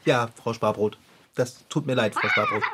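A woman's voice: a bass voice, moderate pace, heavy background noise. A woman voicing a good-natured, easily flustered male bicycle mechanic who chatters and laughs nervously. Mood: nervös. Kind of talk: hobby audio drama acting.

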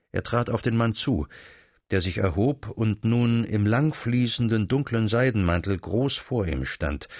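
A man reading a literary story aloud, with measured storytelling and softly voiced dialogue. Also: fairly low pitch, dry recording, clean studio sound. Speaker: narrator.

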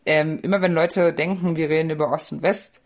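A young woman with a notably low voice talks through her thoughts as a podcast guest. She hesitates often and restarts her sentences. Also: fairly even intonation, fairly quick. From eastern Germany. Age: young adult. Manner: hesitant, many fillers and restarts. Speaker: author guest. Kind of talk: conversational podcast interview.

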